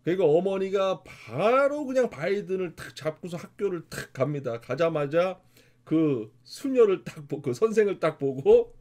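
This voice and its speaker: A man's voice: sits high, normal speed. A man from South Korea giving a motivational lecture, telling stories emphatically and laughing often. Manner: animated, emphatic storytelling with laughs. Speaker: motivational speaker.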